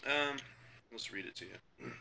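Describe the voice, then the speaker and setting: A man's voice: sits low, sing-song, measured pace, vocal fry, sharp tone, a little hiss or hum. A man narrating as game master in a casual tabletop session, hesitant and full of fillers.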